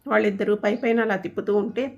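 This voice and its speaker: A woman narrating a humorous family story in a steady, even reading voice with a light comic touch. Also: mid-range voice, quick pace, creaky, lo-fi sound.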